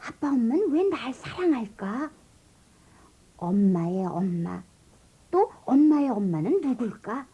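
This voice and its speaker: High lively cartoon boy, brave and curious, kind. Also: moderate pace, lo-fi sound. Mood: wondering. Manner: eager, wondering, childlike questions. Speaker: voice actor for the child lead. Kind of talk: animated storybook dialogue.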